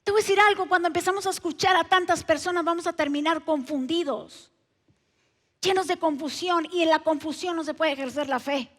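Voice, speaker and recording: A woman pastor preaching in a church, emphatic and asking the congregation many direct questions. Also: extremely high pitch. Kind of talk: sermon. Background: soft keyboard music.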